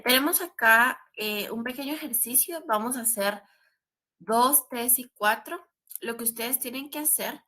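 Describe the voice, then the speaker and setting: A woman's voice: fairly high pitch, bright, forceful tone. A woman teaching English grammar in a recorded class. She explains step by step and often adds a questioning tag.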